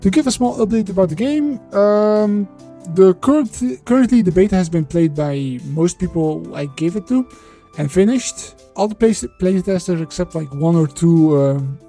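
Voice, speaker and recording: A man whose voice is disguised by a voice changer, sitting a little high and sounding mellow and soft-edged. He narrates his game-development video bluntly and with some swearing, drifting into halting, filler-heavy talk whenever he leaves the script. Faint music plays under him. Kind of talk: devlog voiceover.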